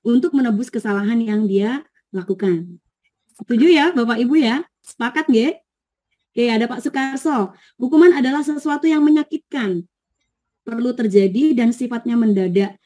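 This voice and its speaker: A woman with a high, mellow voice presents an online teacher training session, explaining patiently, checking that participants agree, and reading out their answers.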